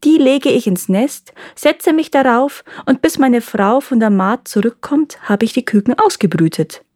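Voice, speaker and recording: A woman's voice: fairly high pitch, lively intonation, unhurried, darkish tone, dry recording, clean studio sound, voice pushed up. A woman voicing a lazy, greedy peasant husband who whines and pleads in a storybook reading. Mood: sly. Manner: whining, pleading.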